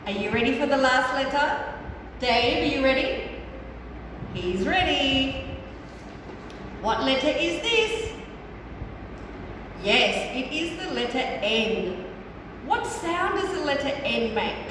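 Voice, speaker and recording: A woman's voice: sits high, very animated, slow, pauses often, far from the mic. A woman teaching young children like a kids show host, in sing-song, exaggerated teacher talk full of questions and praise. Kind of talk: kids show host, letter-sound lesson. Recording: very echoey room, clear background noise.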